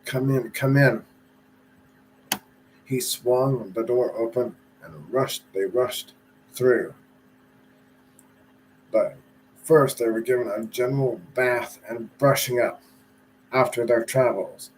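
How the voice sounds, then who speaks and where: A man's voice: mid-range voice, takes it slowly, long pauses, darkish tone, rough recording. A man reads a children's story aloud in an easy, chatty manner. He sometimes trips over a phrase and goes back to reread it. There is a faint hum of background noise. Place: at home.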